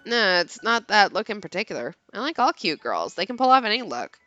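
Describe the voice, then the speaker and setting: A woman puts on an exasperated high-school boy from a game. The voice drops well below her usual pitch, turning flat, blunt and dismissive, in a dry close sound. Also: fairly quick, dry recording, lo-fi sound, faint music behind. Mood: baffled, dismissive. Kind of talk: character reading of game text.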